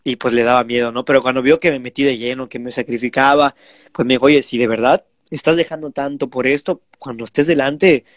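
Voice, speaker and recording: A twenty-two-year-old man with a Mexican Spanish accent, a bullfighter appearing as a guest, tells stories animatedly in a casual interview and does impressions of his parents. His voice is medium-pitched and fairly quick, with no room sound.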